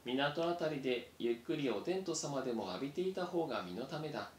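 A gruff mouse leader barking blunt, rough words in a storybook reading, as a man puts him on. The voice is roomy, with a faint rumble underneath. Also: lively intonation, a little fast, lightly acted. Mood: scornful. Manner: rough, blunt street talk.

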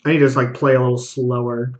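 A man's voice: medium pitch, level tone. A young man streaming a card game, thinking aloud and scolding himself for his own plays in casual commentary. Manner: self-critical, thinking aloud, quick asides. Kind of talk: live gameplay commentary.

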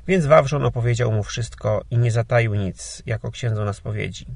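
A man reading a classic novel as an audiobook in a measured storytelling manner. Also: medium pitch, gravelly, no room sound. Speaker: audiobook reader. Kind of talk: literary audiobook narration.

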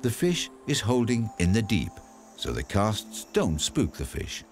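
Lively low-voiced male documentary narrator. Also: unhurried, soft background music. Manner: calm, explanatory.

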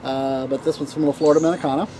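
A man with a Southern accent chatting casually to camera about cigars, relaxed and rambling with lots of fillers, recorded outdoors on a deck. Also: a little high, fast talker, slight background noise. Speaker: cigar vlogger.

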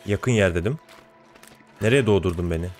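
A man's voice: deep voice, moderate pace, darkish tone, faint music behind. A man giving let's play commentary as he plays, talking to himself and swearing often in exasperation. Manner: talks to himself while playing. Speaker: gaming channel host.

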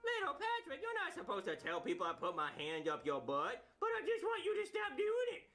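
A man's voice: extremely high pitch, huge pitch swings, a little fast, sharp tone, exaggerated voice. A man playing a bumbling ventriloquist who argues back and forth with his dummy in a comedy puppet video. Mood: squabbling. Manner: squabbling, switching between two voices.

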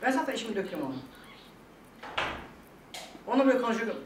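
Older woman, quick emotional chat, tearful and laughing, distant echoey room. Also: a little high, very animated. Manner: tearful and laughing by turns, quoting others. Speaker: vlog guest talking about her illness. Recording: echoey room picked up from afar, faint background noise.

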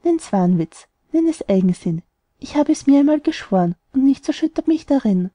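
A woman's voice: high voice, animated, moderate pace, warm tone, dry recording. A woman voicing a lovesick, stubborn young man in an audiobook, delivering rhymed verse earnestly. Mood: determined.

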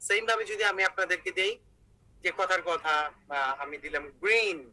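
A man's voice: high-pitched, moderate pace, pushed and bright, poor audio. A man teaching an online English grammar class, explaining step by step and asking his students questions.

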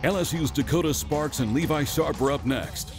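A man's voice: fairly high pitch, normal speed, over music. A man giving scripted voice-over narration for a fishing tournament broadcast.

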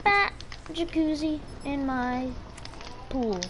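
A woman streaming a shooter game with a friend, chatting casually with sudden excited outbursts. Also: high voice, slow pace, background noise. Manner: excited outbursts between calm play talk. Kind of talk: casual gaming chat.

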